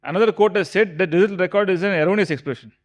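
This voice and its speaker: A man giving a lecture to professionals, explaining slowly and emphatically with repeated examples. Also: high-pitched. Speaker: speaker at a tax law seminar. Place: hotel conference hall.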